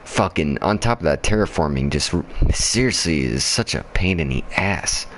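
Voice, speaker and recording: Very deep-voiced, tired, swearing gamer man. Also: expressive, slight background noise. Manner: rambling and profane, with frequent pauses and restarts. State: tired after a night shift. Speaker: gamer streaming his own play. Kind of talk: casual gameplay chat.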